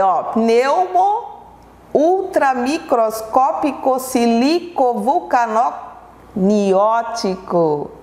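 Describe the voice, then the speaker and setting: A woman's voice: mid-range voice, darkish tone, roomy sound, long reverb tail. A woman from Brazil teaching a televised lesson to children, patiently asking questions and answering them herself.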